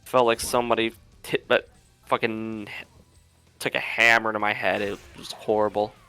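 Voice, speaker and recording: A man's voice: on the low side, little pitch movement, normal speed, pushed and bright, clear, resonant tone, faint music behind. A man telling earnest stories in a casual roundtable chat. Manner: earnest storytelling.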